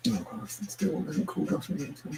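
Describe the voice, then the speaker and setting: A man's voice: high voice, normal speed, creaky, background noise. A man rambling casually to his livestream chat while he builds, self-mocking and chuckling often. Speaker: livestream host building with bricks.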